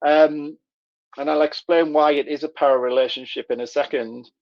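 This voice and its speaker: Middlesbrough guy w teesside accent explaining stuff on a webinar, bit higher voice, muffled lo-fi sound. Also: fairly even intonation, moderate pace. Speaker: webinar presenter. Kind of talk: explanatory online workshop talk. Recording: dull, lo-fi online call audio.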